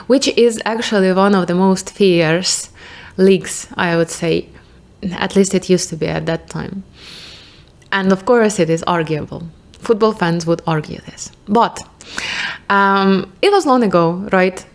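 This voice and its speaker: A young woman with a Ukrainian accent and medium pitch vlogs casually to camera in a reflective monologue. She thinks aloud, rambling, restarting her sentences and swearing now and then.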